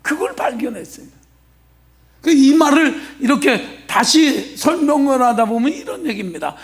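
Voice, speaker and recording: A male pastor with a strikingly high voice delivers a Sunday sermon in a church sanctuary. He preaches emphatically, breaking into shouts and calling back to the congregation for a response. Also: expressive, normal speed. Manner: emphatic, bursts into shouting and keeps checking with the congregation. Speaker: senior pastor.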